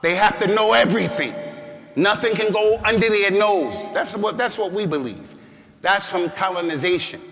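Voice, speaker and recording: An American man giving a Friday sermon as imam, emphatic, repeating words and rising to shouts. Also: high-pitched, normal speed, faint music behind. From United States. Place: mosque hall. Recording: long hall reverb.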